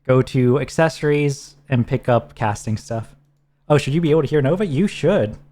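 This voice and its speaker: A man's voice: mid-range voice, normal speed. A man co-hosting a game stream, casually walking a teammate through menus and gear. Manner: relaxed, instructive, talks teammate through menus. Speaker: streamer co-host. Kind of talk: casual gameplay chat.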